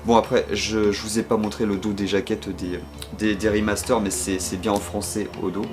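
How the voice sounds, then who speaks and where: A man's voice: lowish voice, little pitch movement, normal speed, music in the background. A man with a French accent talking casually about the games in his collection, hesitant and full of fillers and restarts. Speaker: game collector showing his purchases. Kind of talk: casual video commentary.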